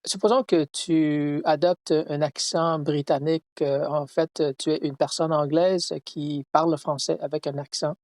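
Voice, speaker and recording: A man's voice: fairly high pitch, steady tone, a little mellow, dry recording, studio quality. Hesitant man chatting with an AI. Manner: hesitant, halting, many fillers and restarts. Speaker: host chatting with an AI. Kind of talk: casual chat.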